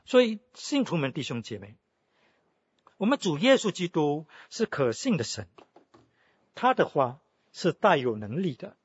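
Husky-voiced male preacher, lively delivery. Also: fairly high pitch, a little slow, pauses often, dry recording, lo-fi sound. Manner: animated storyteller with frequent exclamations. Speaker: pastor. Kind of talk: sermon with storytelling.

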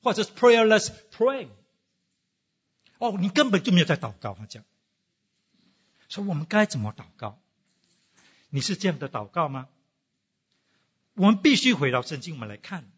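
A man's voice: a little high, pushed and bright, husky, in a large hall, muffled recording. A man preaching a sermon, asking his congregation rhetorical questions and dropping English phrases into his talk. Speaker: pastor.

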